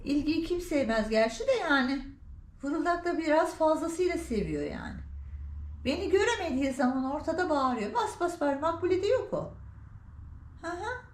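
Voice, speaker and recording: Woman cat vlogger, middle-aged, high swooping voice, playful scolding baby talk, echoey room. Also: very animated, moderate pace, slight background noise. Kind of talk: talking to her cats. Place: home by a balcony.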